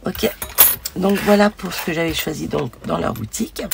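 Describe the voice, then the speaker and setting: A hoarse woman hosting a casual crafting video, chatting along with many fillers as she shows her pieces. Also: on the low side, moderate pace, background noise.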